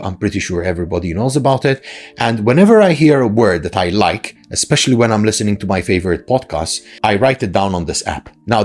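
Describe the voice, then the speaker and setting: A man's voice: fairly low pitch, a little mellow, husky. A man teaching an English lesson in a conversational, instructional way, often posing questions and checking in with short tags. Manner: rhetorical questions with frequent "right?" tags.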